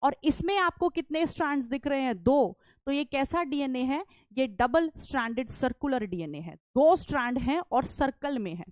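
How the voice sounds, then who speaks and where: A woman teacher giving an online lecture, explaining step by step, asking questions and answering them herself, speaking softly and chatting with her students. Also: high-pitched, animated, normal speed, hardly any pauses, no room sound. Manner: chatty, calls students "beta"; soft-spoken, won't shout.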